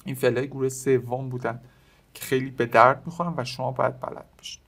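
A man's voice: medium pitch, level tone, creaky, a bit bright. Persian-accented man teaching French words. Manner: reads each French word, then gives its meaning, with quick asides to viewers. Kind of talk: vocabulary lesson for beginners.

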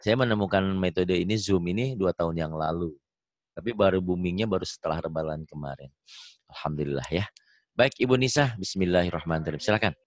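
A man teaching a beginner's Quran reading lesson over a video call, modelling syllables loudly and coaxing his student with jokes. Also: low voice, brisk, dry recording. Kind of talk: online one-on-one reading lesson.

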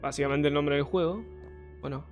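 Young Argentine streamer, high-pitched, loose slangy let's-play banter, light music underneath. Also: male voice, steady tone, brisk. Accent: Argentine Spanish. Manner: slangy, swears and says boludo often. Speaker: gaming streamer. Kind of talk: casual let's-play commentary.

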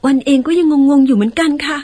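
A woman acting in an old-style radio drama as a gentle, polite young daughter who coaxes and explains patiently. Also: high voice, fast talker, lightly acted. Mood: polite, thoughtful. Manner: coaxing, polite, carefully explaining.

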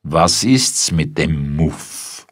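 A man's voice: very deep voice, animated, very slow, no room sound, clean studio sound, exaggerated voice. A man voicing a stiff, formal old general who asks curtly, in a spoken story. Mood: wistful.

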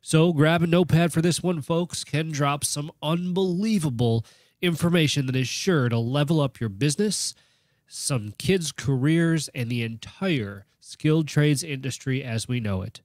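A man's voice: fairly high pitch, a little slow, a little mellow, no room sound, clean studio sound. A man hosting a podcast while sick, his voice nasal, with a joking, self-deprecating manner. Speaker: podcast host. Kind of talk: podcast intro.

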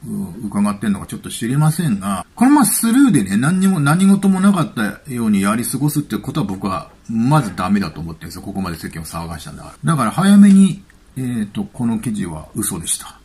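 Gravelly man in lively casual commentary. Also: fairly low pitch, fast talker, hardly any pauses. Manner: chatty, offhand, thinking aloud. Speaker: YouTube commentator.

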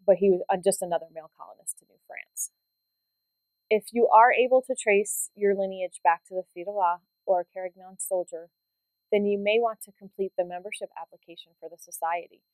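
A woman hosting a genealogy channel, explaining family history in a relaxed way with frequent ums and pauses. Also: fairly low pitch, dry recording, low-quality recording. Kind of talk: casual educational talk to camera.

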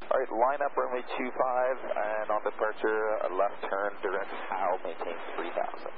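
A man's voice: lowish voice, fairly even intonation, moderate pace. A man speaking as a pilot over the aircraft radio, giving clipped readbacks with hesitant fillers. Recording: narrow radio band with static.

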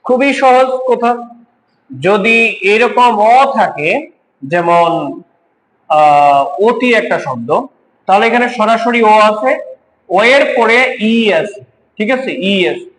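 Male teacher with a high voice, patient step-by-step explainer; echoey classroom sound. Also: animated, takes it slowly, pauses often. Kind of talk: classroom lesson.

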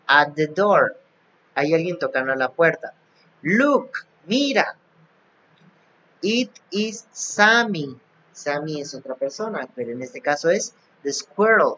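Slow-talking male English teacher, dull sound. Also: on the high side, pushed and bright, slight background noise. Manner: repeats and translates each English phrase. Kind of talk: recorded class for young pupils. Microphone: recording app, device not seen. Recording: dull lo-fi app recording.

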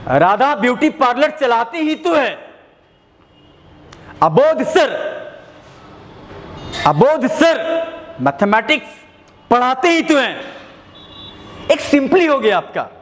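High-pitched Indian male teacher, echoey. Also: a bit bright. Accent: Indian English. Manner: repetitive, addresses students fondly, drawn-out English phrases. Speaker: grammar teacher. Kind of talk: classroom lecture.

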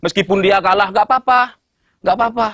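A man's voice: high voice, a little fast, bright, forceful tone, no echo. A man from Madura doing a stand-up comedy set, bantering with the crowd and repeating his punchlines.

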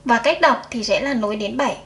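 A woman teacher with a slightly high voice walks young pupils through a first-grade math exercise. She counts aloud slowly and patiently, one item at a time. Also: a bit bright, a little hiss or hum. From Vietnam.

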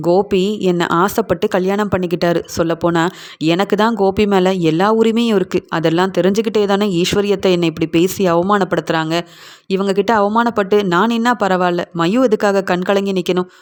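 Serial recap: woman doing an aggrieved young wife, explaining herself at even mid pitch. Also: a little fast, close to an everyday voice. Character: hurt younger wife defending herself and her daughter. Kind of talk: retelling a TV serial scene.

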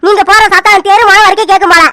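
Woman doing an exasperated older cartoon mother-in-law, stern, very high pitch. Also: steady tone, rapid-fire, bright, forceful tone. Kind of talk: homemade animated family drama.

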